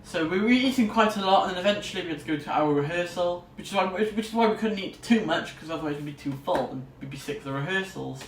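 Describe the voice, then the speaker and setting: Talking to camera in a casual vlog, this young student speaks quickly and expressively with hardly any pauses, his voice sitting high. He rambles with enthusiasm. The mic is distant, the room echoes, and there's faint noise.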